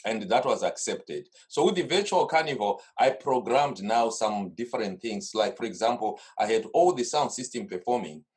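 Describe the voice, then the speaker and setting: A middle-aged carnival organiser with a Zimbabwean accent speaks animatedly at a moderate pace, barely pausing, in a lowish, darkish voice with a breathy edge. He is a guest on a casual, lengthy video-call interview from his home studio desk, telling rambling stories with many restarts.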